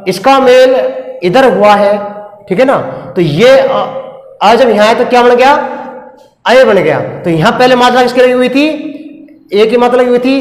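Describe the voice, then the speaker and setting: A man with a Rajasthani Hindi accent teaching a grammar lesson, explaining step by step and often checking that the class follows. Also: extremely high pitch. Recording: echoey room with long reverb.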